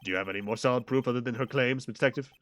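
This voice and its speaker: A man's voice: mid-range voice, rapid-fire, a bit bright, natural voice. A man voicing an earnest young defense lawyer, pressing a witness with questions.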